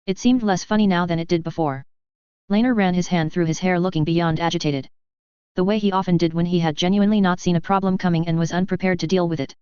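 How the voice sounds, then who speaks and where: A woman narrating a fan-fiction story in first person, with a steady, smooth reading. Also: on the low side, fast talker, dry recording. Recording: dull lo-fi recording.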